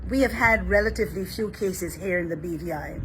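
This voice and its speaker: A woman from Barbados, an Episcopal priest giving a measured, scripted reflection. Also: lowish voice, background noise.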